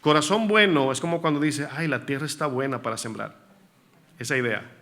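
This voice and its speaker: A male pastor preaches a sermon in church with a medium-pitched, fairly bright voice, talking a little fast. He often poses questions to the congregation and repeats key words for emphasis.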